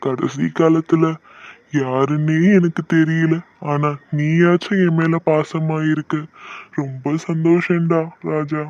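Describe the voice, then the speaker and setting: A lonely old widowed grandfather for a cartoon, speaking in a sorrowful, pleading way. His voice sits a little high and stays flat, with little rise and fall. It comes through a dull, lo-fi, dry recording. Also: no echo. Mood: grateful. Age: older.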